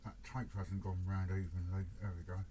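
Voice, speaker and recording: A man with a lowish voice talks through his model build at a home workbench. He chats in a relaxed, self-deprecating way, half muttering to himself while he works. A faint hum of the room sits behind him. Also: a little fast, poor audio. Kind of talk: casual build commentary.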